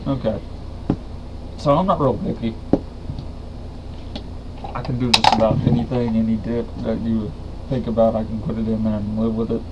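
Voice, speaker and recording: A man's voice: fairly low pitch, level tone, normal speed, long pauses. Young Southern man talking around dip. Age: young adult. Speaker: dip reviewer. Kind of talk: casual chat product review. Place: small room indoors. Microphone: webcam or computer mic at arm's length. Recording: dull, noisy webcam audio.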